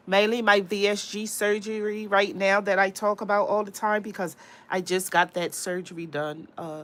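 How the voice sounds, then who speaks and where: Her voice is lowish and slightly bright, with a little background noise behind it. Congested from a cold, this livestream host chats rambly and directly to the people watching.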